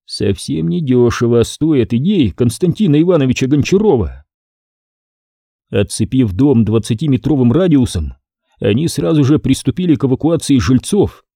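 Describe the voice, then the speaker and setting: A man narrating a detective audiobook in the first person, with wry, lively storytelling. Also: medium pitch, moderate pace, vocal fry, no room sound, clean studio sound. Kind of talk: scripted narration.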